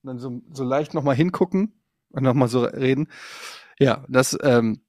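A man's voice: medium pitch, normal speed, dry recording, studio quality. A man chatting on a podcast, recounting an anecdote with lots of restarts and fillers and getting worked up as he goes. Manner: animated anecdote-telling, many restarts and fillers; gets worked up while recounting. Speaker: podcast co-host telling a story. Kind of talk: casual chat.

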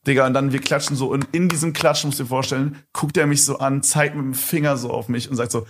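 A man's voice: medium pitch, steady tone, quick pace, background noise. A young man and podcast host telling a story in a rambling, casual way, full of fillers and slang.

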